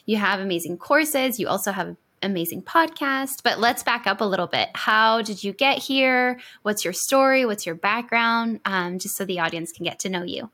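A woman's voice: medium pitch, normal speed, hardly any pauses, pushed and bright. A woman hosting a podcast, enthusiastic and bubbly as she welcomes and questions her guest. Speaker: podcast host. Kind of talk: casual interview chat.

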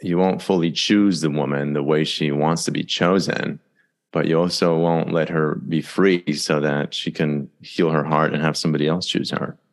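A man's voice: extremely low pitch, fairly even intonation, moderate pace. A man speaking as a guest on a podcast, talking reflectively with "you know" fillers and frequent laughter. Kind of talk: casual conversational interview.

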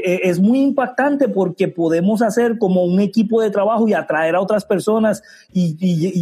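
High, warm-toned male interview host. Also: husky. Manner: encouraging, frequent affirmations. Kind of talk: conversational interview.

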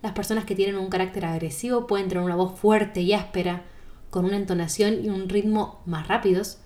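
A woman singing teacher with a Rioplatense Spanish accent, giving a podcast monologue in a calm, explanatory way and speaking straight to the listener. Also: mid-range voice, fairly quick.

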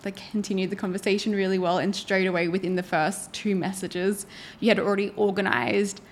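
A woman's voice: medium pitch, fairly even intonation, a little fast, slight background noise. A woman hosting a relationship podcast, chatting in an upbeat, casual way. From Australia. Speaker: podcast host. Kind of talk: casual chat.

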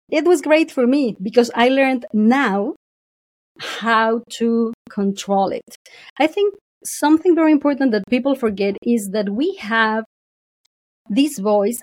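A woman guest on a casual podcast speaks in a fairly high voice, taking her time, with no echo in the recording. She's expressive, laughs often, and acts out the voices of people she quotes.

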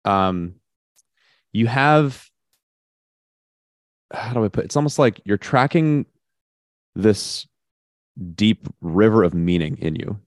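Lowish-voiced man, thoughtful podcast host. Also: expressive, slow pace, pauses often, no room sound. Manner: thoughtful, searching for words, uses images. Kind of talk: reflective podcast conversation.

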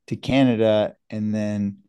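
A man's voice: fairly low pitch, steady tone, measured pace, warm tone, clear, resonant tone, dry recording. A middle-aged man from New York, a guest surgeon telling his story in a casual interview, earnest and self-deprecating. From New York, USA.

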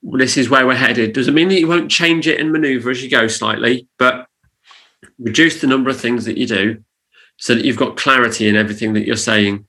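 A man co-hosting a casual chat, laying out advice in an earnest, emphatic way, like a coach. His voice is bright and forward, pitched at an ordinary middle level. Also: fairly quick, slightly rough, poor audio. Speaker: podcast co-host on church leadership.

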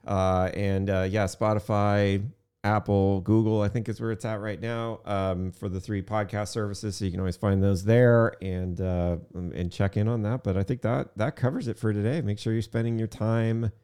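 Man, podcast co-host, relaxed casual chat, low pitch, smooth voice. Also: moderate pace. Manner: relaxed, easygoing, filler-heavy.

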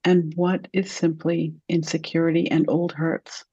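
A woman leading a guided meditation, speaking slowly and softly with long, calm pauses. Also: deep voice, slightly rough, no room sound, lo-fi sound. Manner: slow, soft and soothing, with long pauses.

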